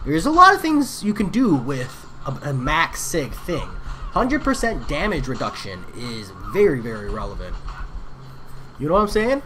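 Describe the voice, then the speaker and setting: A male game streamer chats casually with his live audience while playing. His pitch swings widely up and down, and he talks at a moderate pace in a relaxed, slangy style, answering viewers by name with easy, offhand remarks.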